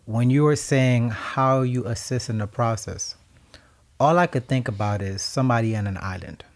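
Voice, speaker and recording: A Haitian man co-hosts a radio talk show at a moderate pace and medium pitch. He speaks reflectively and with emphasis, sometimes growing animated and laughing as he tells stories.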